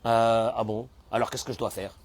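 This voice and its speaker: A man preaching a sermon in as a rabbi, acting out the people he quotes and suddenly bursting into shouts. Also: medium pitch, fairly even intonation, moderate pace, no echo. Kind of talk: animated sermon.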